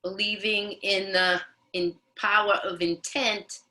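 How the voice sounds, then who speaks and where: A woman leads a guided meditation in the soothing manner of a yoga teacher. Her pace is slow, with gentle pauses between instructions. The voice has a bright, forward tone. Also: mid-range voice, little pitch movement. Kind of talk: guided mindful movement instruction.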